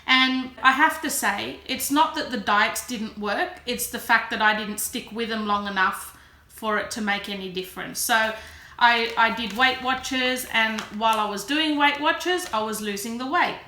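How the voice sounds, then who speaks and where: With a roomy echo and faint noise behind her, this vlogger, a woman in her early forties, speaks casually and candidly with self-deprecating chatter. Her voice runs on the high side, pushed and bright, at normal speed.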